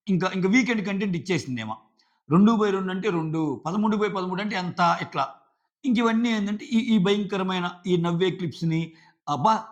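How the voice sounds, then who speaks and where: A man reviewing a reality show in casual, argumentative commentary. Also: high-pitched. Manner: animated, argumentative, acts out contestants' lines. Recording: dull lo-fi audio.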